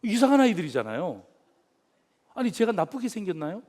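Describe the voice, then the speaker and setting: High, lively-voiced male pastor preaching. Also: brisk. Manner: animated storytelling with direct questions to the congregation. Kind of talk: sermon.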